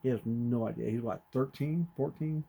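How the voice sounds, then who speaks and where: A middle-aged man co-hosting a podcast, telling a family story and acting out the voices in it with sudden loud bursts. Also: mid-range voice, moderate pace, creaky, slightly rough. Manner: animated, acts out quotes with sudden loud jumps. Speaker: podcast co-host. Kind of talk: conversational storytelling.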